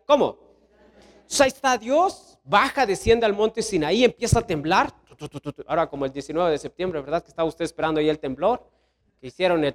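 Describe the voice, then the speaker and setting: A middle-aged man with a Mexican accent, preaching a sermon as pastor, telling lively stories and tossing rhetorical questions at the congregation. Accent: Mexican Spanish. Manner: animated storytelling preacher, sweeping pitch swings, rhetorical questions.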